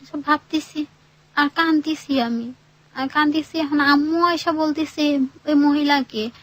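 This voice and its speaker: A woman's voice: high voice, steady tone, a little slow. Rambling woman caller. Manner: rambling, acts out quoted relatives. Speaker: caller telling her life story. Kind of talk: emotional personal storytelling.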